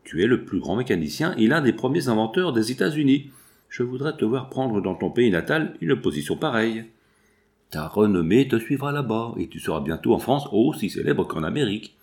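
A man's voice: medium pitch, very animated, brisk, a little mellow. A man reading aloud and voicing a willful, impetuous eighteen-year-old girl who pleads insistently.

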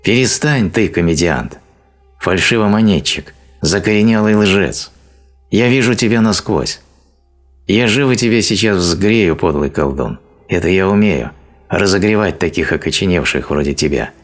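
A man's voice: deep voice, animated, normal speed, faint music behind. A man reading a stern, angry male sage in an audiobook, scolding with harsh declamation. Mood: furious.

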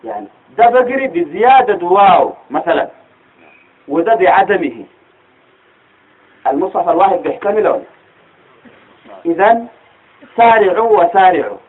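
Husky high-voiced Sudanese man lecturing. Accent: Sudanese Arabic. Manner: explanatory, asks rhetorical questions to the class. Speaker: teacher of Quranic studies. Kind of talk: religious lecture. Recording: tinny phone-like recording.

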